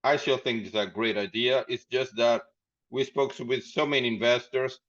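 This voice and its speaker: Speaking at a moderate pace, a man with a medium pitch and slightly bright tone keeps his intonation fairly even. As a company founder on a podcast, he shares his story casually, rambling and often breaking into laughter. The sound is dull and lo-fi.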